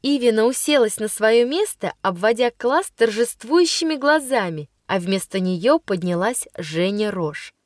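A woman narrating a first-person story in a measured storytelling way. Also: a little high, animated, no echo, studio quality. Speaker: audiobook reader.

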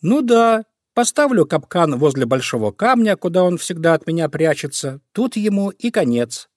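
A man's voice: high voice, sing-song, normal speed, darkish tone, dry recording, clean studio sound, voice pushed up. Man voicing a sly giggling vixen. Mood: sweet, scheming. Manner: sly, sugary. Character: sly scheming female fox, giggling.

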